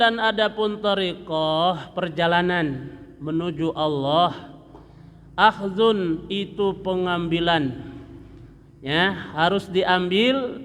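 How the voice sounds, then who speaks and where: A male religious teacher with a Sundanese Indonesian accent leads a mosque lesson, speaking slowly in a fairly high voice. He stretches and chants phrases to show how they should be recited. His voice carries a long echo from the mosque hall. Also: a bit bright. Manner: slow, drawn-out demonstrations of recitation, chanting phrases.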